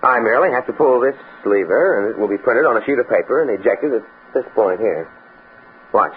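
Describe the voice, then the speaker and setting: An actor playing an earnest, stuffy young academic in an American radio drama, speaking precisely and pedantically with an American accent. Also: male voice, mid-range voice, expressive, brisk, phone-quality sound, close to an everyday voice. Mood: confident. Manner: precise, bookish, stammers when flustered. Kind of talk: mid-century American radio drama acting. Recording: scratchy, band-limited old radio recording with noise.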